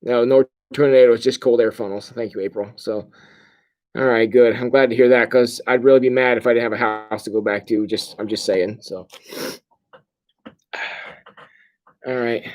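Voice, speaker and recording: A middle-aged man, a pastor, giving a casual livestream update in a sedated, halting, groggy way. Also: mid-range voice, a little mellow. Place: hospital room.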